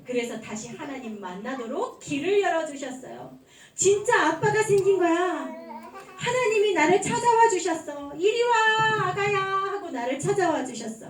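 Woman, children's pastor, high voice, lively storytelling with acted voices, echoey hall, from a distance. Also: moderate pace. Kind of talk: children's sermon. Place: church hall. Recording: echoey hall, mic far off.

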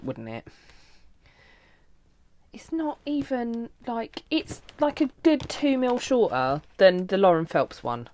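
A woman's voice: low voice, a little hiss or hum. A woman, a planner vlogger, chatting casually and swearing freely as she talks through setting up her planner at her crafting desk.

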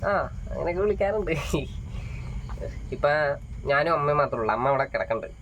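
A man's voice: fairly high pitch, very animated, fairly quick, fairly bright tone, slight background noise. A young man, talking about his life in a casual, rambling vlog with many fillers. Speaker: vlogger. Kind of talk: casual personal monologue. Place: small rented home. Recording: dull lo-fi phone audio with faint crickets.

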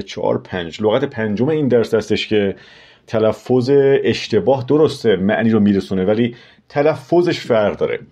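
A man with a Persian accent teaching English vocabulary in an online lesson, explaining at length and slowing down for careful English examples. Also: mid-range voice, mellow.

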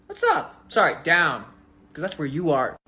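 A woman's voice: low-pitched, huge pitch swings, normal speed, sharp tone, full character voice. Woman voicing a smug tall teaser. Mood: mocking. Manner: mocking, condescending, drawling. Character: tall smug teaser mocking someone's height. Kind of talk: fan-made comedy voice acting.

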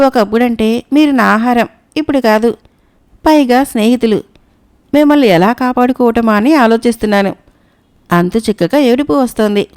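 A woman's voice: a little high, moderate pace, a little mellow, clean tone, lightly acted. A woman voicing a sly old crane that fakes piety, speaking in a mournful, pious tone. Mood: tearful.

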